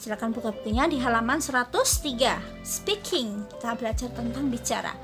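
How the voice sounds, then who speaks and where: A woman's voice: a little high, expressive, a little fast, over music. A woman teacher with an Indonesian accent, a native Indonesian speaker, leads a classroom vocabulary lesson, repeating each phrase and then explaining it. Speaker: English teacher.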